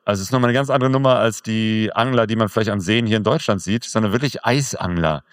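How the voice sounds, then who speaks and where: A man's voice: lowish voice, quick pace, no echo, clean studio sound. Curious male interviewer. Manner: curious, follows up with questions. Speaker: interviewer, podcast host. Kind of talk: conversational interview.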